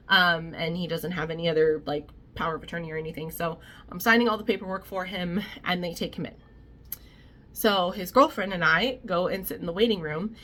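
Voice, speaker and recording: A woman's voice: lowish voice, sharp tone. A young woman vlogger telling a family story in a chatty, casual way, with many fillers and restarts.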